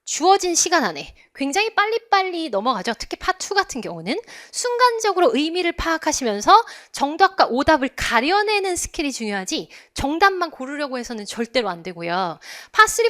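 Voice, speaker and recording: A woman's voice: high voice, fairly bright tone. A woman with a Korean accent teaching in an online English test lecture, asking her students to repeat phrases after her.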